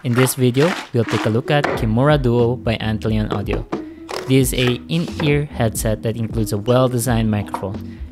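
Male gadget reviewer, friendly and casual, addresses viewers directly, medium pitch, music running underneath. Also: moderate pace. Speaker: tech reviewer. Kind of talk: product review narration. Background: background music.

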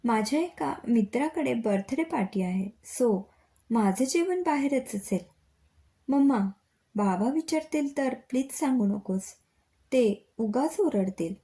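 A woman's voice: on the high side, expressive, a little slow, mellow, pitched above the performer's own voice. A woman voicing a cheeky, joking young male college student in a story reading. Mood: coaxing.

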